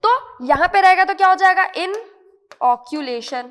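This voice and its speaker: An Indian woman teaching English vocabulary in an online lesson, explaining patiently, repeating each word and checking often that it is clear. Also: very high voice, lively intonation, takes it slowly, fairly bright tone, big-room sound.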